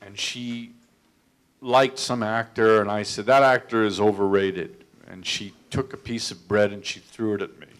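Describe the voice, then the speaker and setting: A man's voice: lowish voice, steady tone, moderate pace, a bit bright. A man who is a film director tells anecdotes at a public Q&A, self-deprecating and often stammering into restarts. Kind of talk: storytelling talk at a public Q&A.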